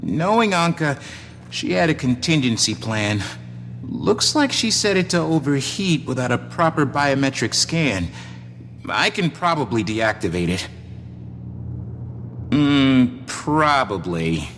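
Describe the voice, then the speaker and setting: An actor playing an eager, excitable young male tinkerer and amateur detective in a video game. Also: medium pitch, slow, long reverb tail, a little hiss or hum. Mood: hesitant, thinking. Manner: animated, eager.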